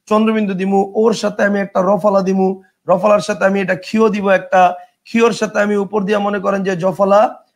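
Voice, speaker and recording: A man's voice: high-pitched, gravelly. A man with a colloquial Bangladeshi Bengali accent teaching a grammar class online, repeating rules and checking that students understand. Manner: chatty, repetitive drilling, checks if students understand; reads out student questions from chat. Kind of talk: online exam-prep class.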